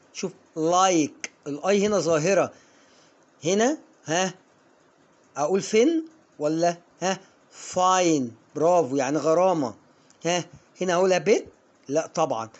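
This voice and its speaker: A man with an Egyptian Arabic accent giving an online English pronunciation lesson, coaxing viewers and slowing down to model each word. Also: on the high side, darkish tone. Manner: coaxing, drills viewers, slows down to model words.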